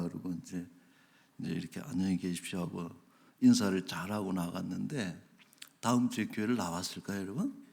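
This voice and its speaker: A man preaching a sermon as pastor, telling a story with lively voices, dropping to whispers and laughing along. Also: on the low side, vocal fry. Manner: animated storytelling, acting out quoted voices, drops to whispers.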